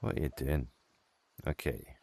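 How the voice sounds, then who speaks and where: A man's voice: very deep voice, measured pace, vocal fry, a little mellow, breathy edge. A man in a casual technical chat on a work call, with dry, teasing humour. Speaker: software developer on a work call.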